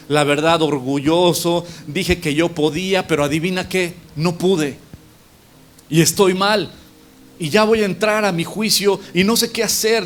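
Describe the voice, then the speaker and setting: A proud, stubborn man who waves off every warning, as a preacher acts him out. His voice sits high and strained. Soft music runs underneath. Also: close to an everyday voice. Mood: pleading. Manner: defiant and scornful, then pleading.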